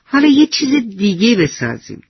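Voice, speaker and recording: A man's voice: high voice, huge pitch swings, vocal fry, breathy edge, no room sound, lo-fi sound, voice pushed up, full character voice. A man voicing a curious, eager little boy. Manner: eager and wondering. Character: cheerful, curious young boy.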